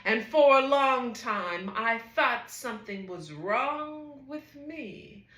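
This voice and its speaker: A woman, a psychotherapist, performing a slow spoken-word monologue with soft, lilting exclamations. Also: a little high, expressive. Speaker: psychotherapist and wellness coach. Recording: echoey room.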